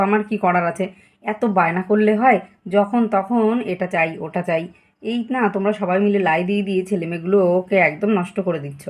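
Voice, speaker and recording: A woman's voice: mid-range voice, natural voice. Woman playing a stern scolding mother. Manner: sharp, scolding. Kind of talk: doll story voice acting.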